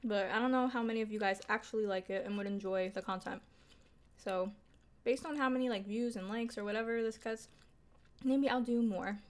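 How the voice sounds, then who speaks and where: A woman's voice: a little high, fairly quick. A young woman vlogging in a casual mukbang style, chatting informally to viewers over food with lots of filler words and mild swearing. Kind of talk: casual mukbang chat to viewers while eating.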